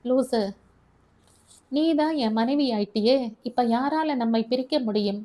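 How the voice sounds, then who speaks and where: A woman's voice: fairly high pitch, a little slow, close to an everyday voice. A woman reading a tender reassuring young husband. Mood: soothing. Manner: gentle, soothing, affectionate. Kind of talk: audiobook character voice.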